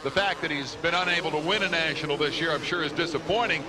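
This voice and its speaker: Calling a motocross race as lead commentator, a man delivers punchy, dramatic play-by-play fast in a voice on the high side. Crowd noise, engines and outdoor race sounds fill the background.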